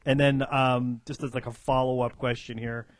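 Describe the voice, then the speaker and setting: A man co-hosting a radio show, asking teasing, halting questions. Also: medium pitch, flat delivery, dry recording. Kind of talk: casual radio talk.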